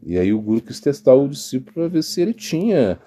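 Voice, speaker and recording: A middle-aged man with a Brazilian Portuguese accent giving an informal devotional sermon as a monk, telling stories lively and often restarting his sentences. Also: medium pitch, quick pace. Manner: animated storytelling, acts out quotes, frequent restarts and stammers. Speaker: monk giving a spiritual talk.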